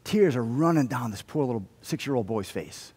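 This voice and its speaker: A middle-aged male pastor preaching a sermon in a church, telling stories and leading a prayer, dropping to a hush and then rising to emphatic points. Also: mid-range voice, lively intonation, normal speed, slightly rough. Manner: storytelling, swings from hushed to emphatic. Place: church sanctuary. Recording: long hall reverb.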